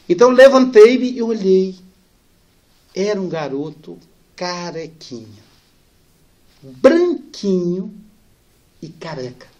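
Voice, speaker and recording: A man giving a spiritist lecture, telling family anecdotes lively and softening for the sad parts. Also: sits high. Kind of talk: storytelling lecture.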